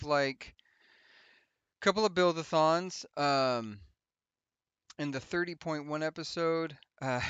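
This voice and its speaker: A man's voice: mid-range voice, fairly bright tone, clean tone. A man hosting a let's play, rambling in casual gaming commentary, full of loose asides and jokes at his own expense. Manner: rambling and chatty, loose asides and self-mockery.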